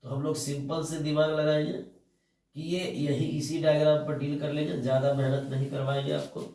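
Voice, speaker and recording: Echoey, slow-repeating male biology teacher. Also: on the high side, level tone, mellow. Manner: repeats key terms slowly, asks and answers own questions. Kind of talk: classroom lecture, dictating notes. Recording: echoey room, mic at a distance.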